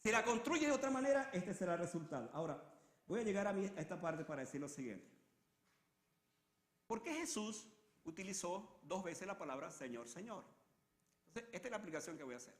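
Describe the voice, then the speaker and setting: A man preaching a sermon in a dramatic way, swinging from loud climaxes to hushed, low repetitions. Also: animated, a little fast, pauses often, reverberant.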